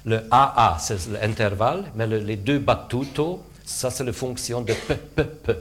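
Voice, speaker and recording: A man coaching string players in rehearsal, halting with fillers, switching between English and French and vocalizing sounds to demonstrate. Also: medium pitch, slight background noise. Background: string instruments playing.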